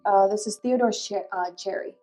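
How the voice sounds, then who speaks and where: Gentle, polite woman on a ghost hunt. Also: mid-range voice, moderate pace, soft background music. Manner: polite, gentle, sympathetic questioning. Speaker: paranormal investigator. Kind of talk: ghost-hunt vlog, questioning spirits.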